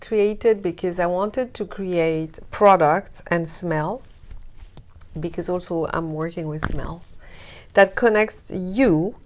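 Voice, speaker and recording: A woman from Morocco with a fairly low voice speaks slowly and deliberately, drawing out phrases and letting words trail off softly and breathily. She's a wellness brand founder giving a gentle, soft-spoken interview as a guest.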